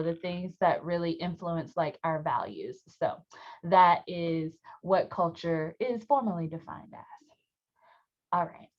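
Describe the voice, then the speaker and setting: A woman leading a student workshop over a video call, explaining in a conversational way with fillers. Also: on the low side. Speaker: workshop facilitator. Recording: dull lo-fi call audio.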